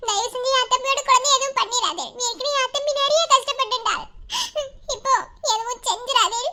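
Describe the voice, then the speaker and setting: A woman voicing a timid young college girl in a cartoon, pleading softly through tears. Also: brisk, noisy background. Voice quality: very high, bright voice. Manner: pleading, soft and tearful. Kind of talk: animated cartoon voice acting.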